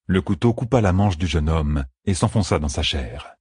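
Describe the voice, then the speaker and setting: A man reading a fantasy novel aloud in a steady, measured narration. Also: sits low, slightly rough, no echo, studio quality. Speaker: audiobook narrator.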